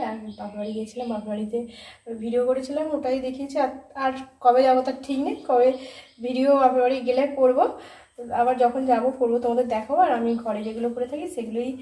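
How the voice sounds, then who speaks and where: A hoarse woman chatting casually to her viewers as friends while cooking at home. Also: fairly high pitch, dark tone, reverberant, poor audio. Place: home kitchen. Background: frying and sizzling.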